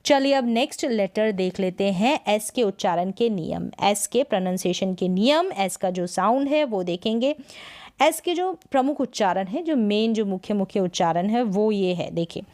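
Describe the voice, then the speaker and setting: A woman teaching English pronunciation in Hindi, repeating each word slowly and asking herself questions as she explains the rules. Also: mid-range voice, animated, darkish tone.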